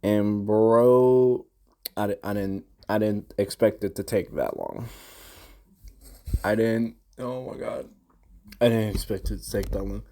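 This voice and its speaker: Young male gamer, slow drawl, slangy and sweary, rambling vlog recap. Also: on the low side, mellow. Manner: slangy, profane, rambling with restarts. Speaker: gamer recounting a boss fight.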